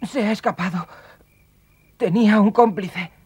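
A man's voice: high-pitched, measured pace, breathy edge, exaggerated voice. A man playing an earnest, inquisitive young cartoon adventurer. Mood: thoughtful.

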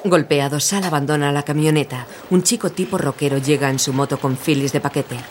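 A narrator reading scripted audio description in an even, neutral voice. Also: medium pitch, fairly quick, background noise.

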